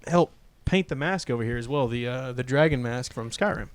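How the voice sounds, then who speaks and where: An adult man with a mid-pitched voice co-hosts a giveaway show. He talks in loose, casual banter with a playful, teasing streak. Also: a little fast, clear, resonant tone. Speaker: show co-host.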